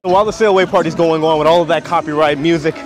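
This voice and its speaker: Rapid-fire and steady in tone, this slightly high male voice belongs to a travel vlogger in his thirties strolling a cruise ship's interiors and open decks. He talks casually to viewers, holding his phone or camera at arm's length amid heavy background noise.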